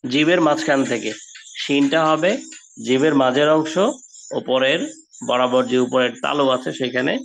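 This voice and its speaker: Slow-paced man teaching Arabic letters. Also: mid-range voice, creaky, fairly bright tone, slight background noise, rough recording. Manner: slow, drawn-out model pronunciations of Arabic letters. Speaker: Quran teacher. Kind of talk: online Quran lesson for children.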